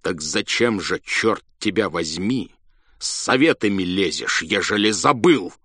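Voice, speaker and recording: Man doing a gruff old general, irritable, scolding, lively delivery, low voice, dry sound. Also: measured pace, no echo, exaggerated voice. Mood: angry.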